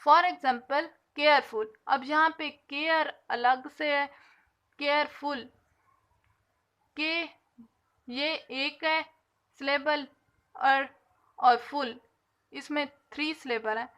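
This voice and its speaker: A woman teaching an English grammar lesson, explaining patiently and slowly stretching out the example words. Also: high-pitched, fairly bright tone.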